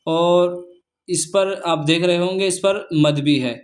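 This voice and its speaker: A man teaching Quran reading, spelling out letters and vowel marks slowly, then explaining the rules quickly. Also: high-pitched. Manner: slow chanted recitation of syllables, brisk explanations between.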